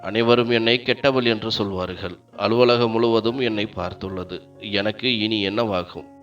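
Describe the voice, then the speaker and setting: A man's voice: on the low side, steady tone, normal speed, a bit bright, far from the mic, natural voice. A man voicing a desperate young woman who pleads tearfully in a story reading. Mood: wailing. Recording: dull lo-fi sound, faint background music.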